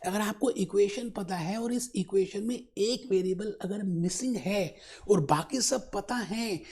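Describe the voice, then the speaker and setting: Finance lecture guy, kinda high voice, coaxes students like a fond teacher, slows way down for the english definitions. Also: darkish tone, husky. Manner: coaxing, calls students "son", mixes in English terms. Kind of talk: classroom lecture.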